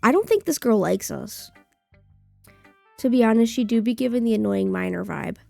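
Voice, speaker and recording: A woman's voice: fairly high pitch, normal speed, vocal fry, darkish tone, dry recording, faint music behind. A woman streaming a game playthrough, casually commenting as she reads, with blunt, sweary, sarcastic asides.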